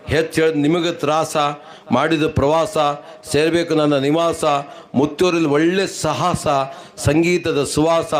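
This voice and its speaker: A man with a North Karnataka Kannada accent and a high voice delivers rhyming folk comedy from a stage at a religious gathering. He spins stories and playfully teases his listeners. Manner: rhyming, storytelling, playfully teasing the audience. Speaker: comedian and mimicry artist.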